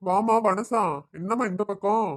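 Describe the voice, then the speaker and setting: A woman doing a low, fatherly village man. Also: fairly even intonation, measured pace, close to an everyday voice. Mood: coaxing. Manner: fatherly, coaxing. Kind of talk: cartoon voice acting.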